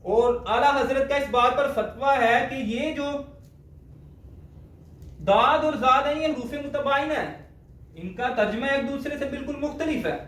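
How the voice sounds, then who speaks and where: Guy teaching quran letter sounds, really high voice, echoey room, kinda far from the mic. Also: fairly bright tone. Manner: slow and deliberate, repeats sounds to demonstrate. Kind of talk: spoken lesson on letter pronunciation.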